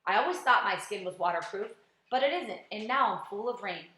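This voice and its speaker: A woman's voice: mid-range voice, lively intonation, fairly quick, sharp tone. A woman voicing a gloomy, complaining male earthworm in a storybook reading, speaking in a mournful, grumbling way. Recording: roomy echo.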